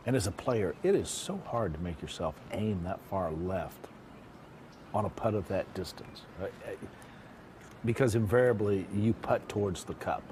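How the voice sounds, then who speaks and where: A man's voice: deep voice, lively intonation, a little slow, background noise. A man giving conversational live golf commentary, repeating phrases for emphasis.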